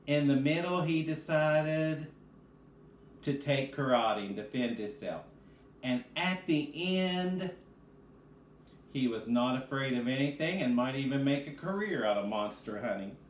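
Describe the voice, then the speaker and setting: A man who is a reading specialist and teacher reads to kids in an echoey room, running a question-led read-aloud lesson. His mid-range voice has lively intonation and moves a little slow, and he answers his own questions while speaking directly to the children amid faint background noise.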